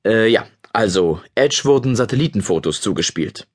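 A man's voice: lowish voice, animated, normal speed. A man playing an easygoing young agent in his twenties, hesitant with fillers.

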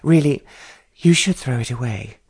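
A man's voice: medium pitch, lively intonation, moderate pace, a little mellow, husky. A man voicing a pretty young society woman who is dreamy and lovestruck, talking in a gushing, sighing way.

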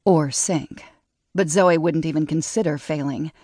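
A woman narrating an audiobook in a measured, steady way, recorded close on a studio mic. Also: sits low, no room sound. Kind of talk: scripted narration.

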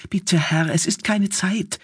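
A woman voicing a frightened young male messenger under twenty who begs anxiously in a raised, husky voice, as in an audiobook. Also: slow pace, no echo, clean studio sound, full character voice. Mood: pleading, anxious. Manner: high, anxious, begging.

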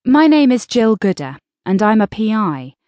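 A woman's voice: mid-range voice, sing-song, moderate pace, dark tone, dry recording. A woman narrating an audiobook in the first person, with a dry, wry storytelling manner, recorded close in a studio.

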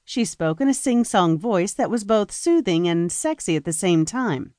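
A woman reading a romance audiobook as narrator, in a measured, even storytelling manner. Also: medium pitch, no room sound, studio quality. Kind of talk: scripted narration.

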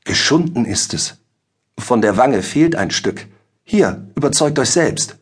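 A man voicing a two-faced court clerk who feigns concern while quietly gloating. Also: mid-range voice, expressive, a little slow, husky, voice pushed up. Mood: mock concern. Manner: mock-concerned, needling.

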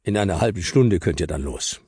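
A man voicing a gentle, good-humored father in a children's audiobook. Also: sits low, expressive, fairly quick, slightly rough, no echo, clean studio sound. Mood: amused. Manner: amused, gentle.

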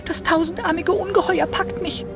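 A woman reading a storybook, voicing a small timid young blue fish in a high, frightened voice. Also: lively intonation, normal speed, close to an everyday voice. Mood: scared.

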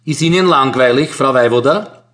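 A man voicing a bossy, self-satisfied male postmaster who scolds loudly. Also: medium pitch, moderate pace, lightly acted. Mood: scolding, mocking. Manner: loud, scolding.

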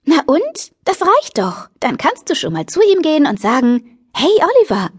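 A woman's voice: sits high, huge pitch swings, normal speed, no echo, clean studio sound, pitched above the performer's own voice. Chirpy pushy teen girl, as a woman reads her. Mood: bubbly. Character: bubbly fashion-crazy teenage girl matchmaker. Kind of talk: audiobook character reading.

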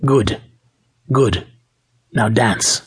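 A man voicing a stern, commanding male dance instructor in an audiobook, speaking in a flat, unaffected tone. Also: lowish voice, very slow, slightly rough, dry recording, studio quality, exaggerated voice.

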